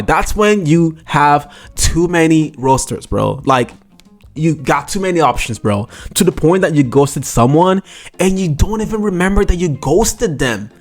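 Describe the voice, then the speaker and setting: A young man hosting a casual chat, reacting to rejection stories in an animated, exclaiming, slangy way. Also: fairly high pitch, normal speed, faint music behind.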